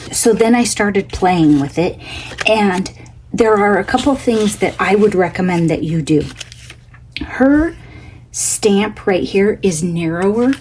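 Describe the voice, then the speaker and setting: A woman with a mid-range voice, scratchy from a cough, hosts a casual crafting tutorial on her channel. She's chatty and homey, thinking out loud as she works at her craft table.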